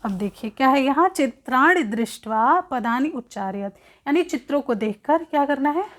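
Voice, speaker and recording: A woman's voice: sits high, lively intonation, fairly bright tone. A woman teaching a textbook lesson, explaining word by word, asking questions and then answering them herself. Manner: slow, repeats words, asks and answers own questions. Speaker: Sanskrit teacher.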